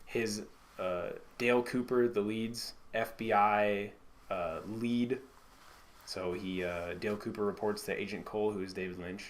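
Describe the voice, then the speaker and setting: A man co-hosting a casual podcast chat, rambling and swearing freely, his sentences often trailing off quietly. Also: on the low side, steady tone, measured pace. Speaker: podcast co-host.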